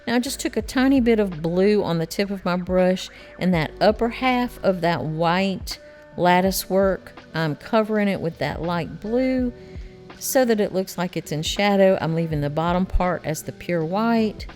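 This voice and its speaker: A woman's voice: fairly low pitch, lively intonation, moderate pace, darkish tone, faint music behind. A middle-aged woman with a Southern accent, chatting through a watercolor painting tutorial in a folksy, encouraging way. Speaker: watercolor art teacher.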